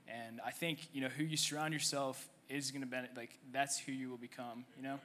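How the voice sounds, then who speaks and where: A man in his twenties telling his life story on a church stage, halting with many fillers and restarts. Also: medium pitch, steady tone, sharp tone. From Egypt. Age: 20s. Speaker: church member guest. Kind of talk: conversational testimony on stage.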